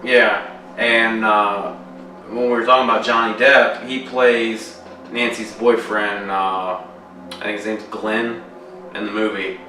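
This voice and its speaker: Rambling young man, low voice, echoey room. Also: level tone, takes it slowly, bright, forceful tone. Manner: rambling, swears a lot, many fillers. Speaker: podcast co-host. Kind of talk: casual chat. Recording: echoey room, far from mic, faint music.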